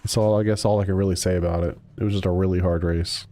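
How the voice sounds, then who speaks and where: A man's voice: low voice, steady tone, fast talker, mellow. A man streaming a sim racing game, chatting casually with his chat while he drives. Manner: laid-back, rambling, answers chat.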